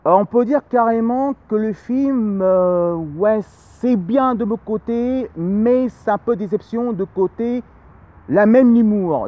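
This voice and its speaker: High-voiced rambling male film reviewer. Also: highs cut off. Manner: rambling, repeats himself, many fillers. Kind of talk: casual spoken film review.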